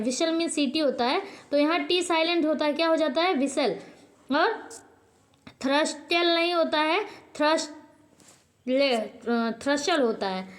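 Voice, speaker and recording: Explaining a lesson for her channel, a teacher speaks in a light, high voice and hammers home each point with a quick question followed by its answer. Her delivery is full of hesitations and mid-word self-corrections.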